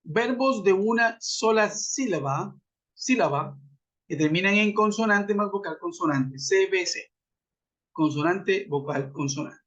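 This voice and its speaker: A man's voice: high-pitched, lively intonation, measured pace, fairly bright tone. A man teaching an online English grammar lesson, methodical, spelling out letters and asking his class questions. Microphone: web conference audio. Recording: dull lo-fi web call audio.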